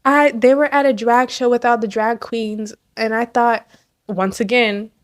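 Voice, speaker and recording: A woman giving casual, gushing movie commentary, excitable and full of slang, laughing often. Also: on the high side, unhurried, dry recording, studio quality. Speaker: commentary host.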